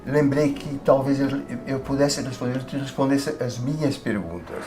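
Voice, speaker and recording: An older man, slowly recalling his past for a documentary, pausing and restarting often. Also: medium pitch, warm tone, slight background noise, poor audio. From Brazil. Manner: hesitant, many fillers and restarts. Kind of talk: documentary interview, reminiscing.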